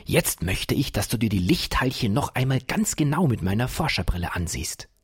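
A man voicing a kindly, enthusiastic old professor who patiently explains things to a child, in a husky voice. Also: medium pitch, normal speed, no echo, clean studio sound. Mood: explaining. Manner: patient explaining, lively delight.

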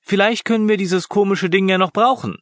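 A man's voice: a little fast, dry recording, clean studio sound. Man doing a giggly little girl. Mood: merry. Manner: high, bubbly and lively. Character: cheerful young girl, giggly and caring.

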